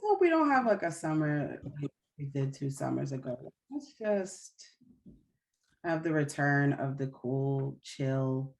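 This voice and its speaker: A woman with a low voice rambles drunkenly through a casual rant. She stalls and picks her thread back up in a loose, tipsy way, like a co-host among friends. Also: sing-song, takes it slowly, creaky. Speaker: podcast co-host.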